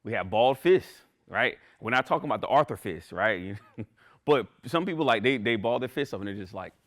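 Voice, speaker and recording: A man's voice: medium pitch, brisk. A man teaching a class in a conversational lecture, often checking in with the listeners. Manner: animated, conversational, asks "right?" often. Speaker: instructor.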